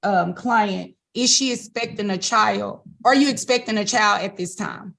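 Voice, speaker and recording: A woman judge heard in a courtroom recording of a virtual hearing, running formal proceedings on the record over a video call in a measured, procedural way with brief fillers. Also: medium pitch, gravelly, a bit bright.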